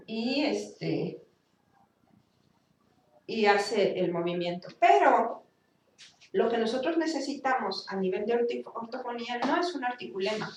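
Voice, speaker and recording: Woman lecturer, fairly high voice, heard from a distance in a roomy hall. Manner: explanatory, demonstrates sounds with exaggerated articulation. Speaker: speech therapy lecturer. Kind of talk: university class lecture. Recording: echoey room, from a distance.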